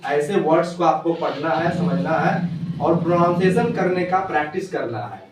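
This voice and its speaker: A man teaching English pronunciation at a board, spelling words out letter by letter and slowing down for English phrases. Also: fairly high pitch. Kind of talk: whiteboard lesson explaining pronunciation. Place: classroom with a board. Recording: echoey room, voice from far off, faint noise.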